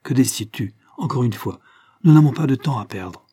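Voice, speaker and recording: Guy reading as passionate young guerrilla chief, pleading hard, mellow husky voice. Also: medium pitch, expressive, a little fast, dry recording, studio quality. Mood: urgent. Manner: impassioned, pleading. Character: young male guerrilla leader, ardent and anguished. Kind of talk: audiobook character reading.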